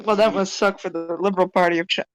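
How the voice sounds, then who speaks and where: A woman co-hosting a casual podcast chat, animated and blunt, swearing freely. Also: lowish voice, fast talker, no room sound, faint music behind, low-quality recording. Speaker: podcast co-host.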